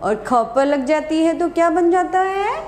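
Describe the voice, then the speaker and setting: A woman Hindi teacher giving a slow, sing-song lesson to young children, asking questions and answering them herself. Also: extremely high pitch, a little mellow, reverberant.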